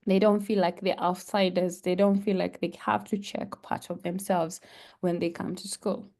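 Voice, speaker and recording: This young adult Kenyan woman speaks hesitantly as an earnest panelist and international student, pausing with fillers during a presentation and discussion. Her lowish voice is dark in tone and delivered flatly.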